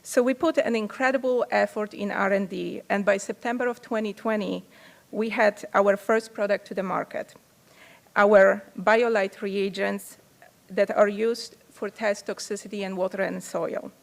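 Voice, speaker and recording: A woman's voice: medium pitch, steady tone, moderate pace, vocal fry. A woman in her forties from Poland with a Polish accent, giving an earnest prepared speech at a podium microphone in a large conference hall. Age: 40s. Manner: earnest, reads with small restarts. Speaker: company founder giving a speech.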